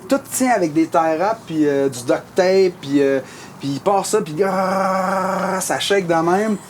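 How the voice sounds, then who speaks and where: Animated Québécois man telling a story. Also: a little high, normal speed, slight background noise. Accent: Québécois French. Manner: animated, rambling, with lots of fillers and restarts. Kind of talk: casual storytelling chat.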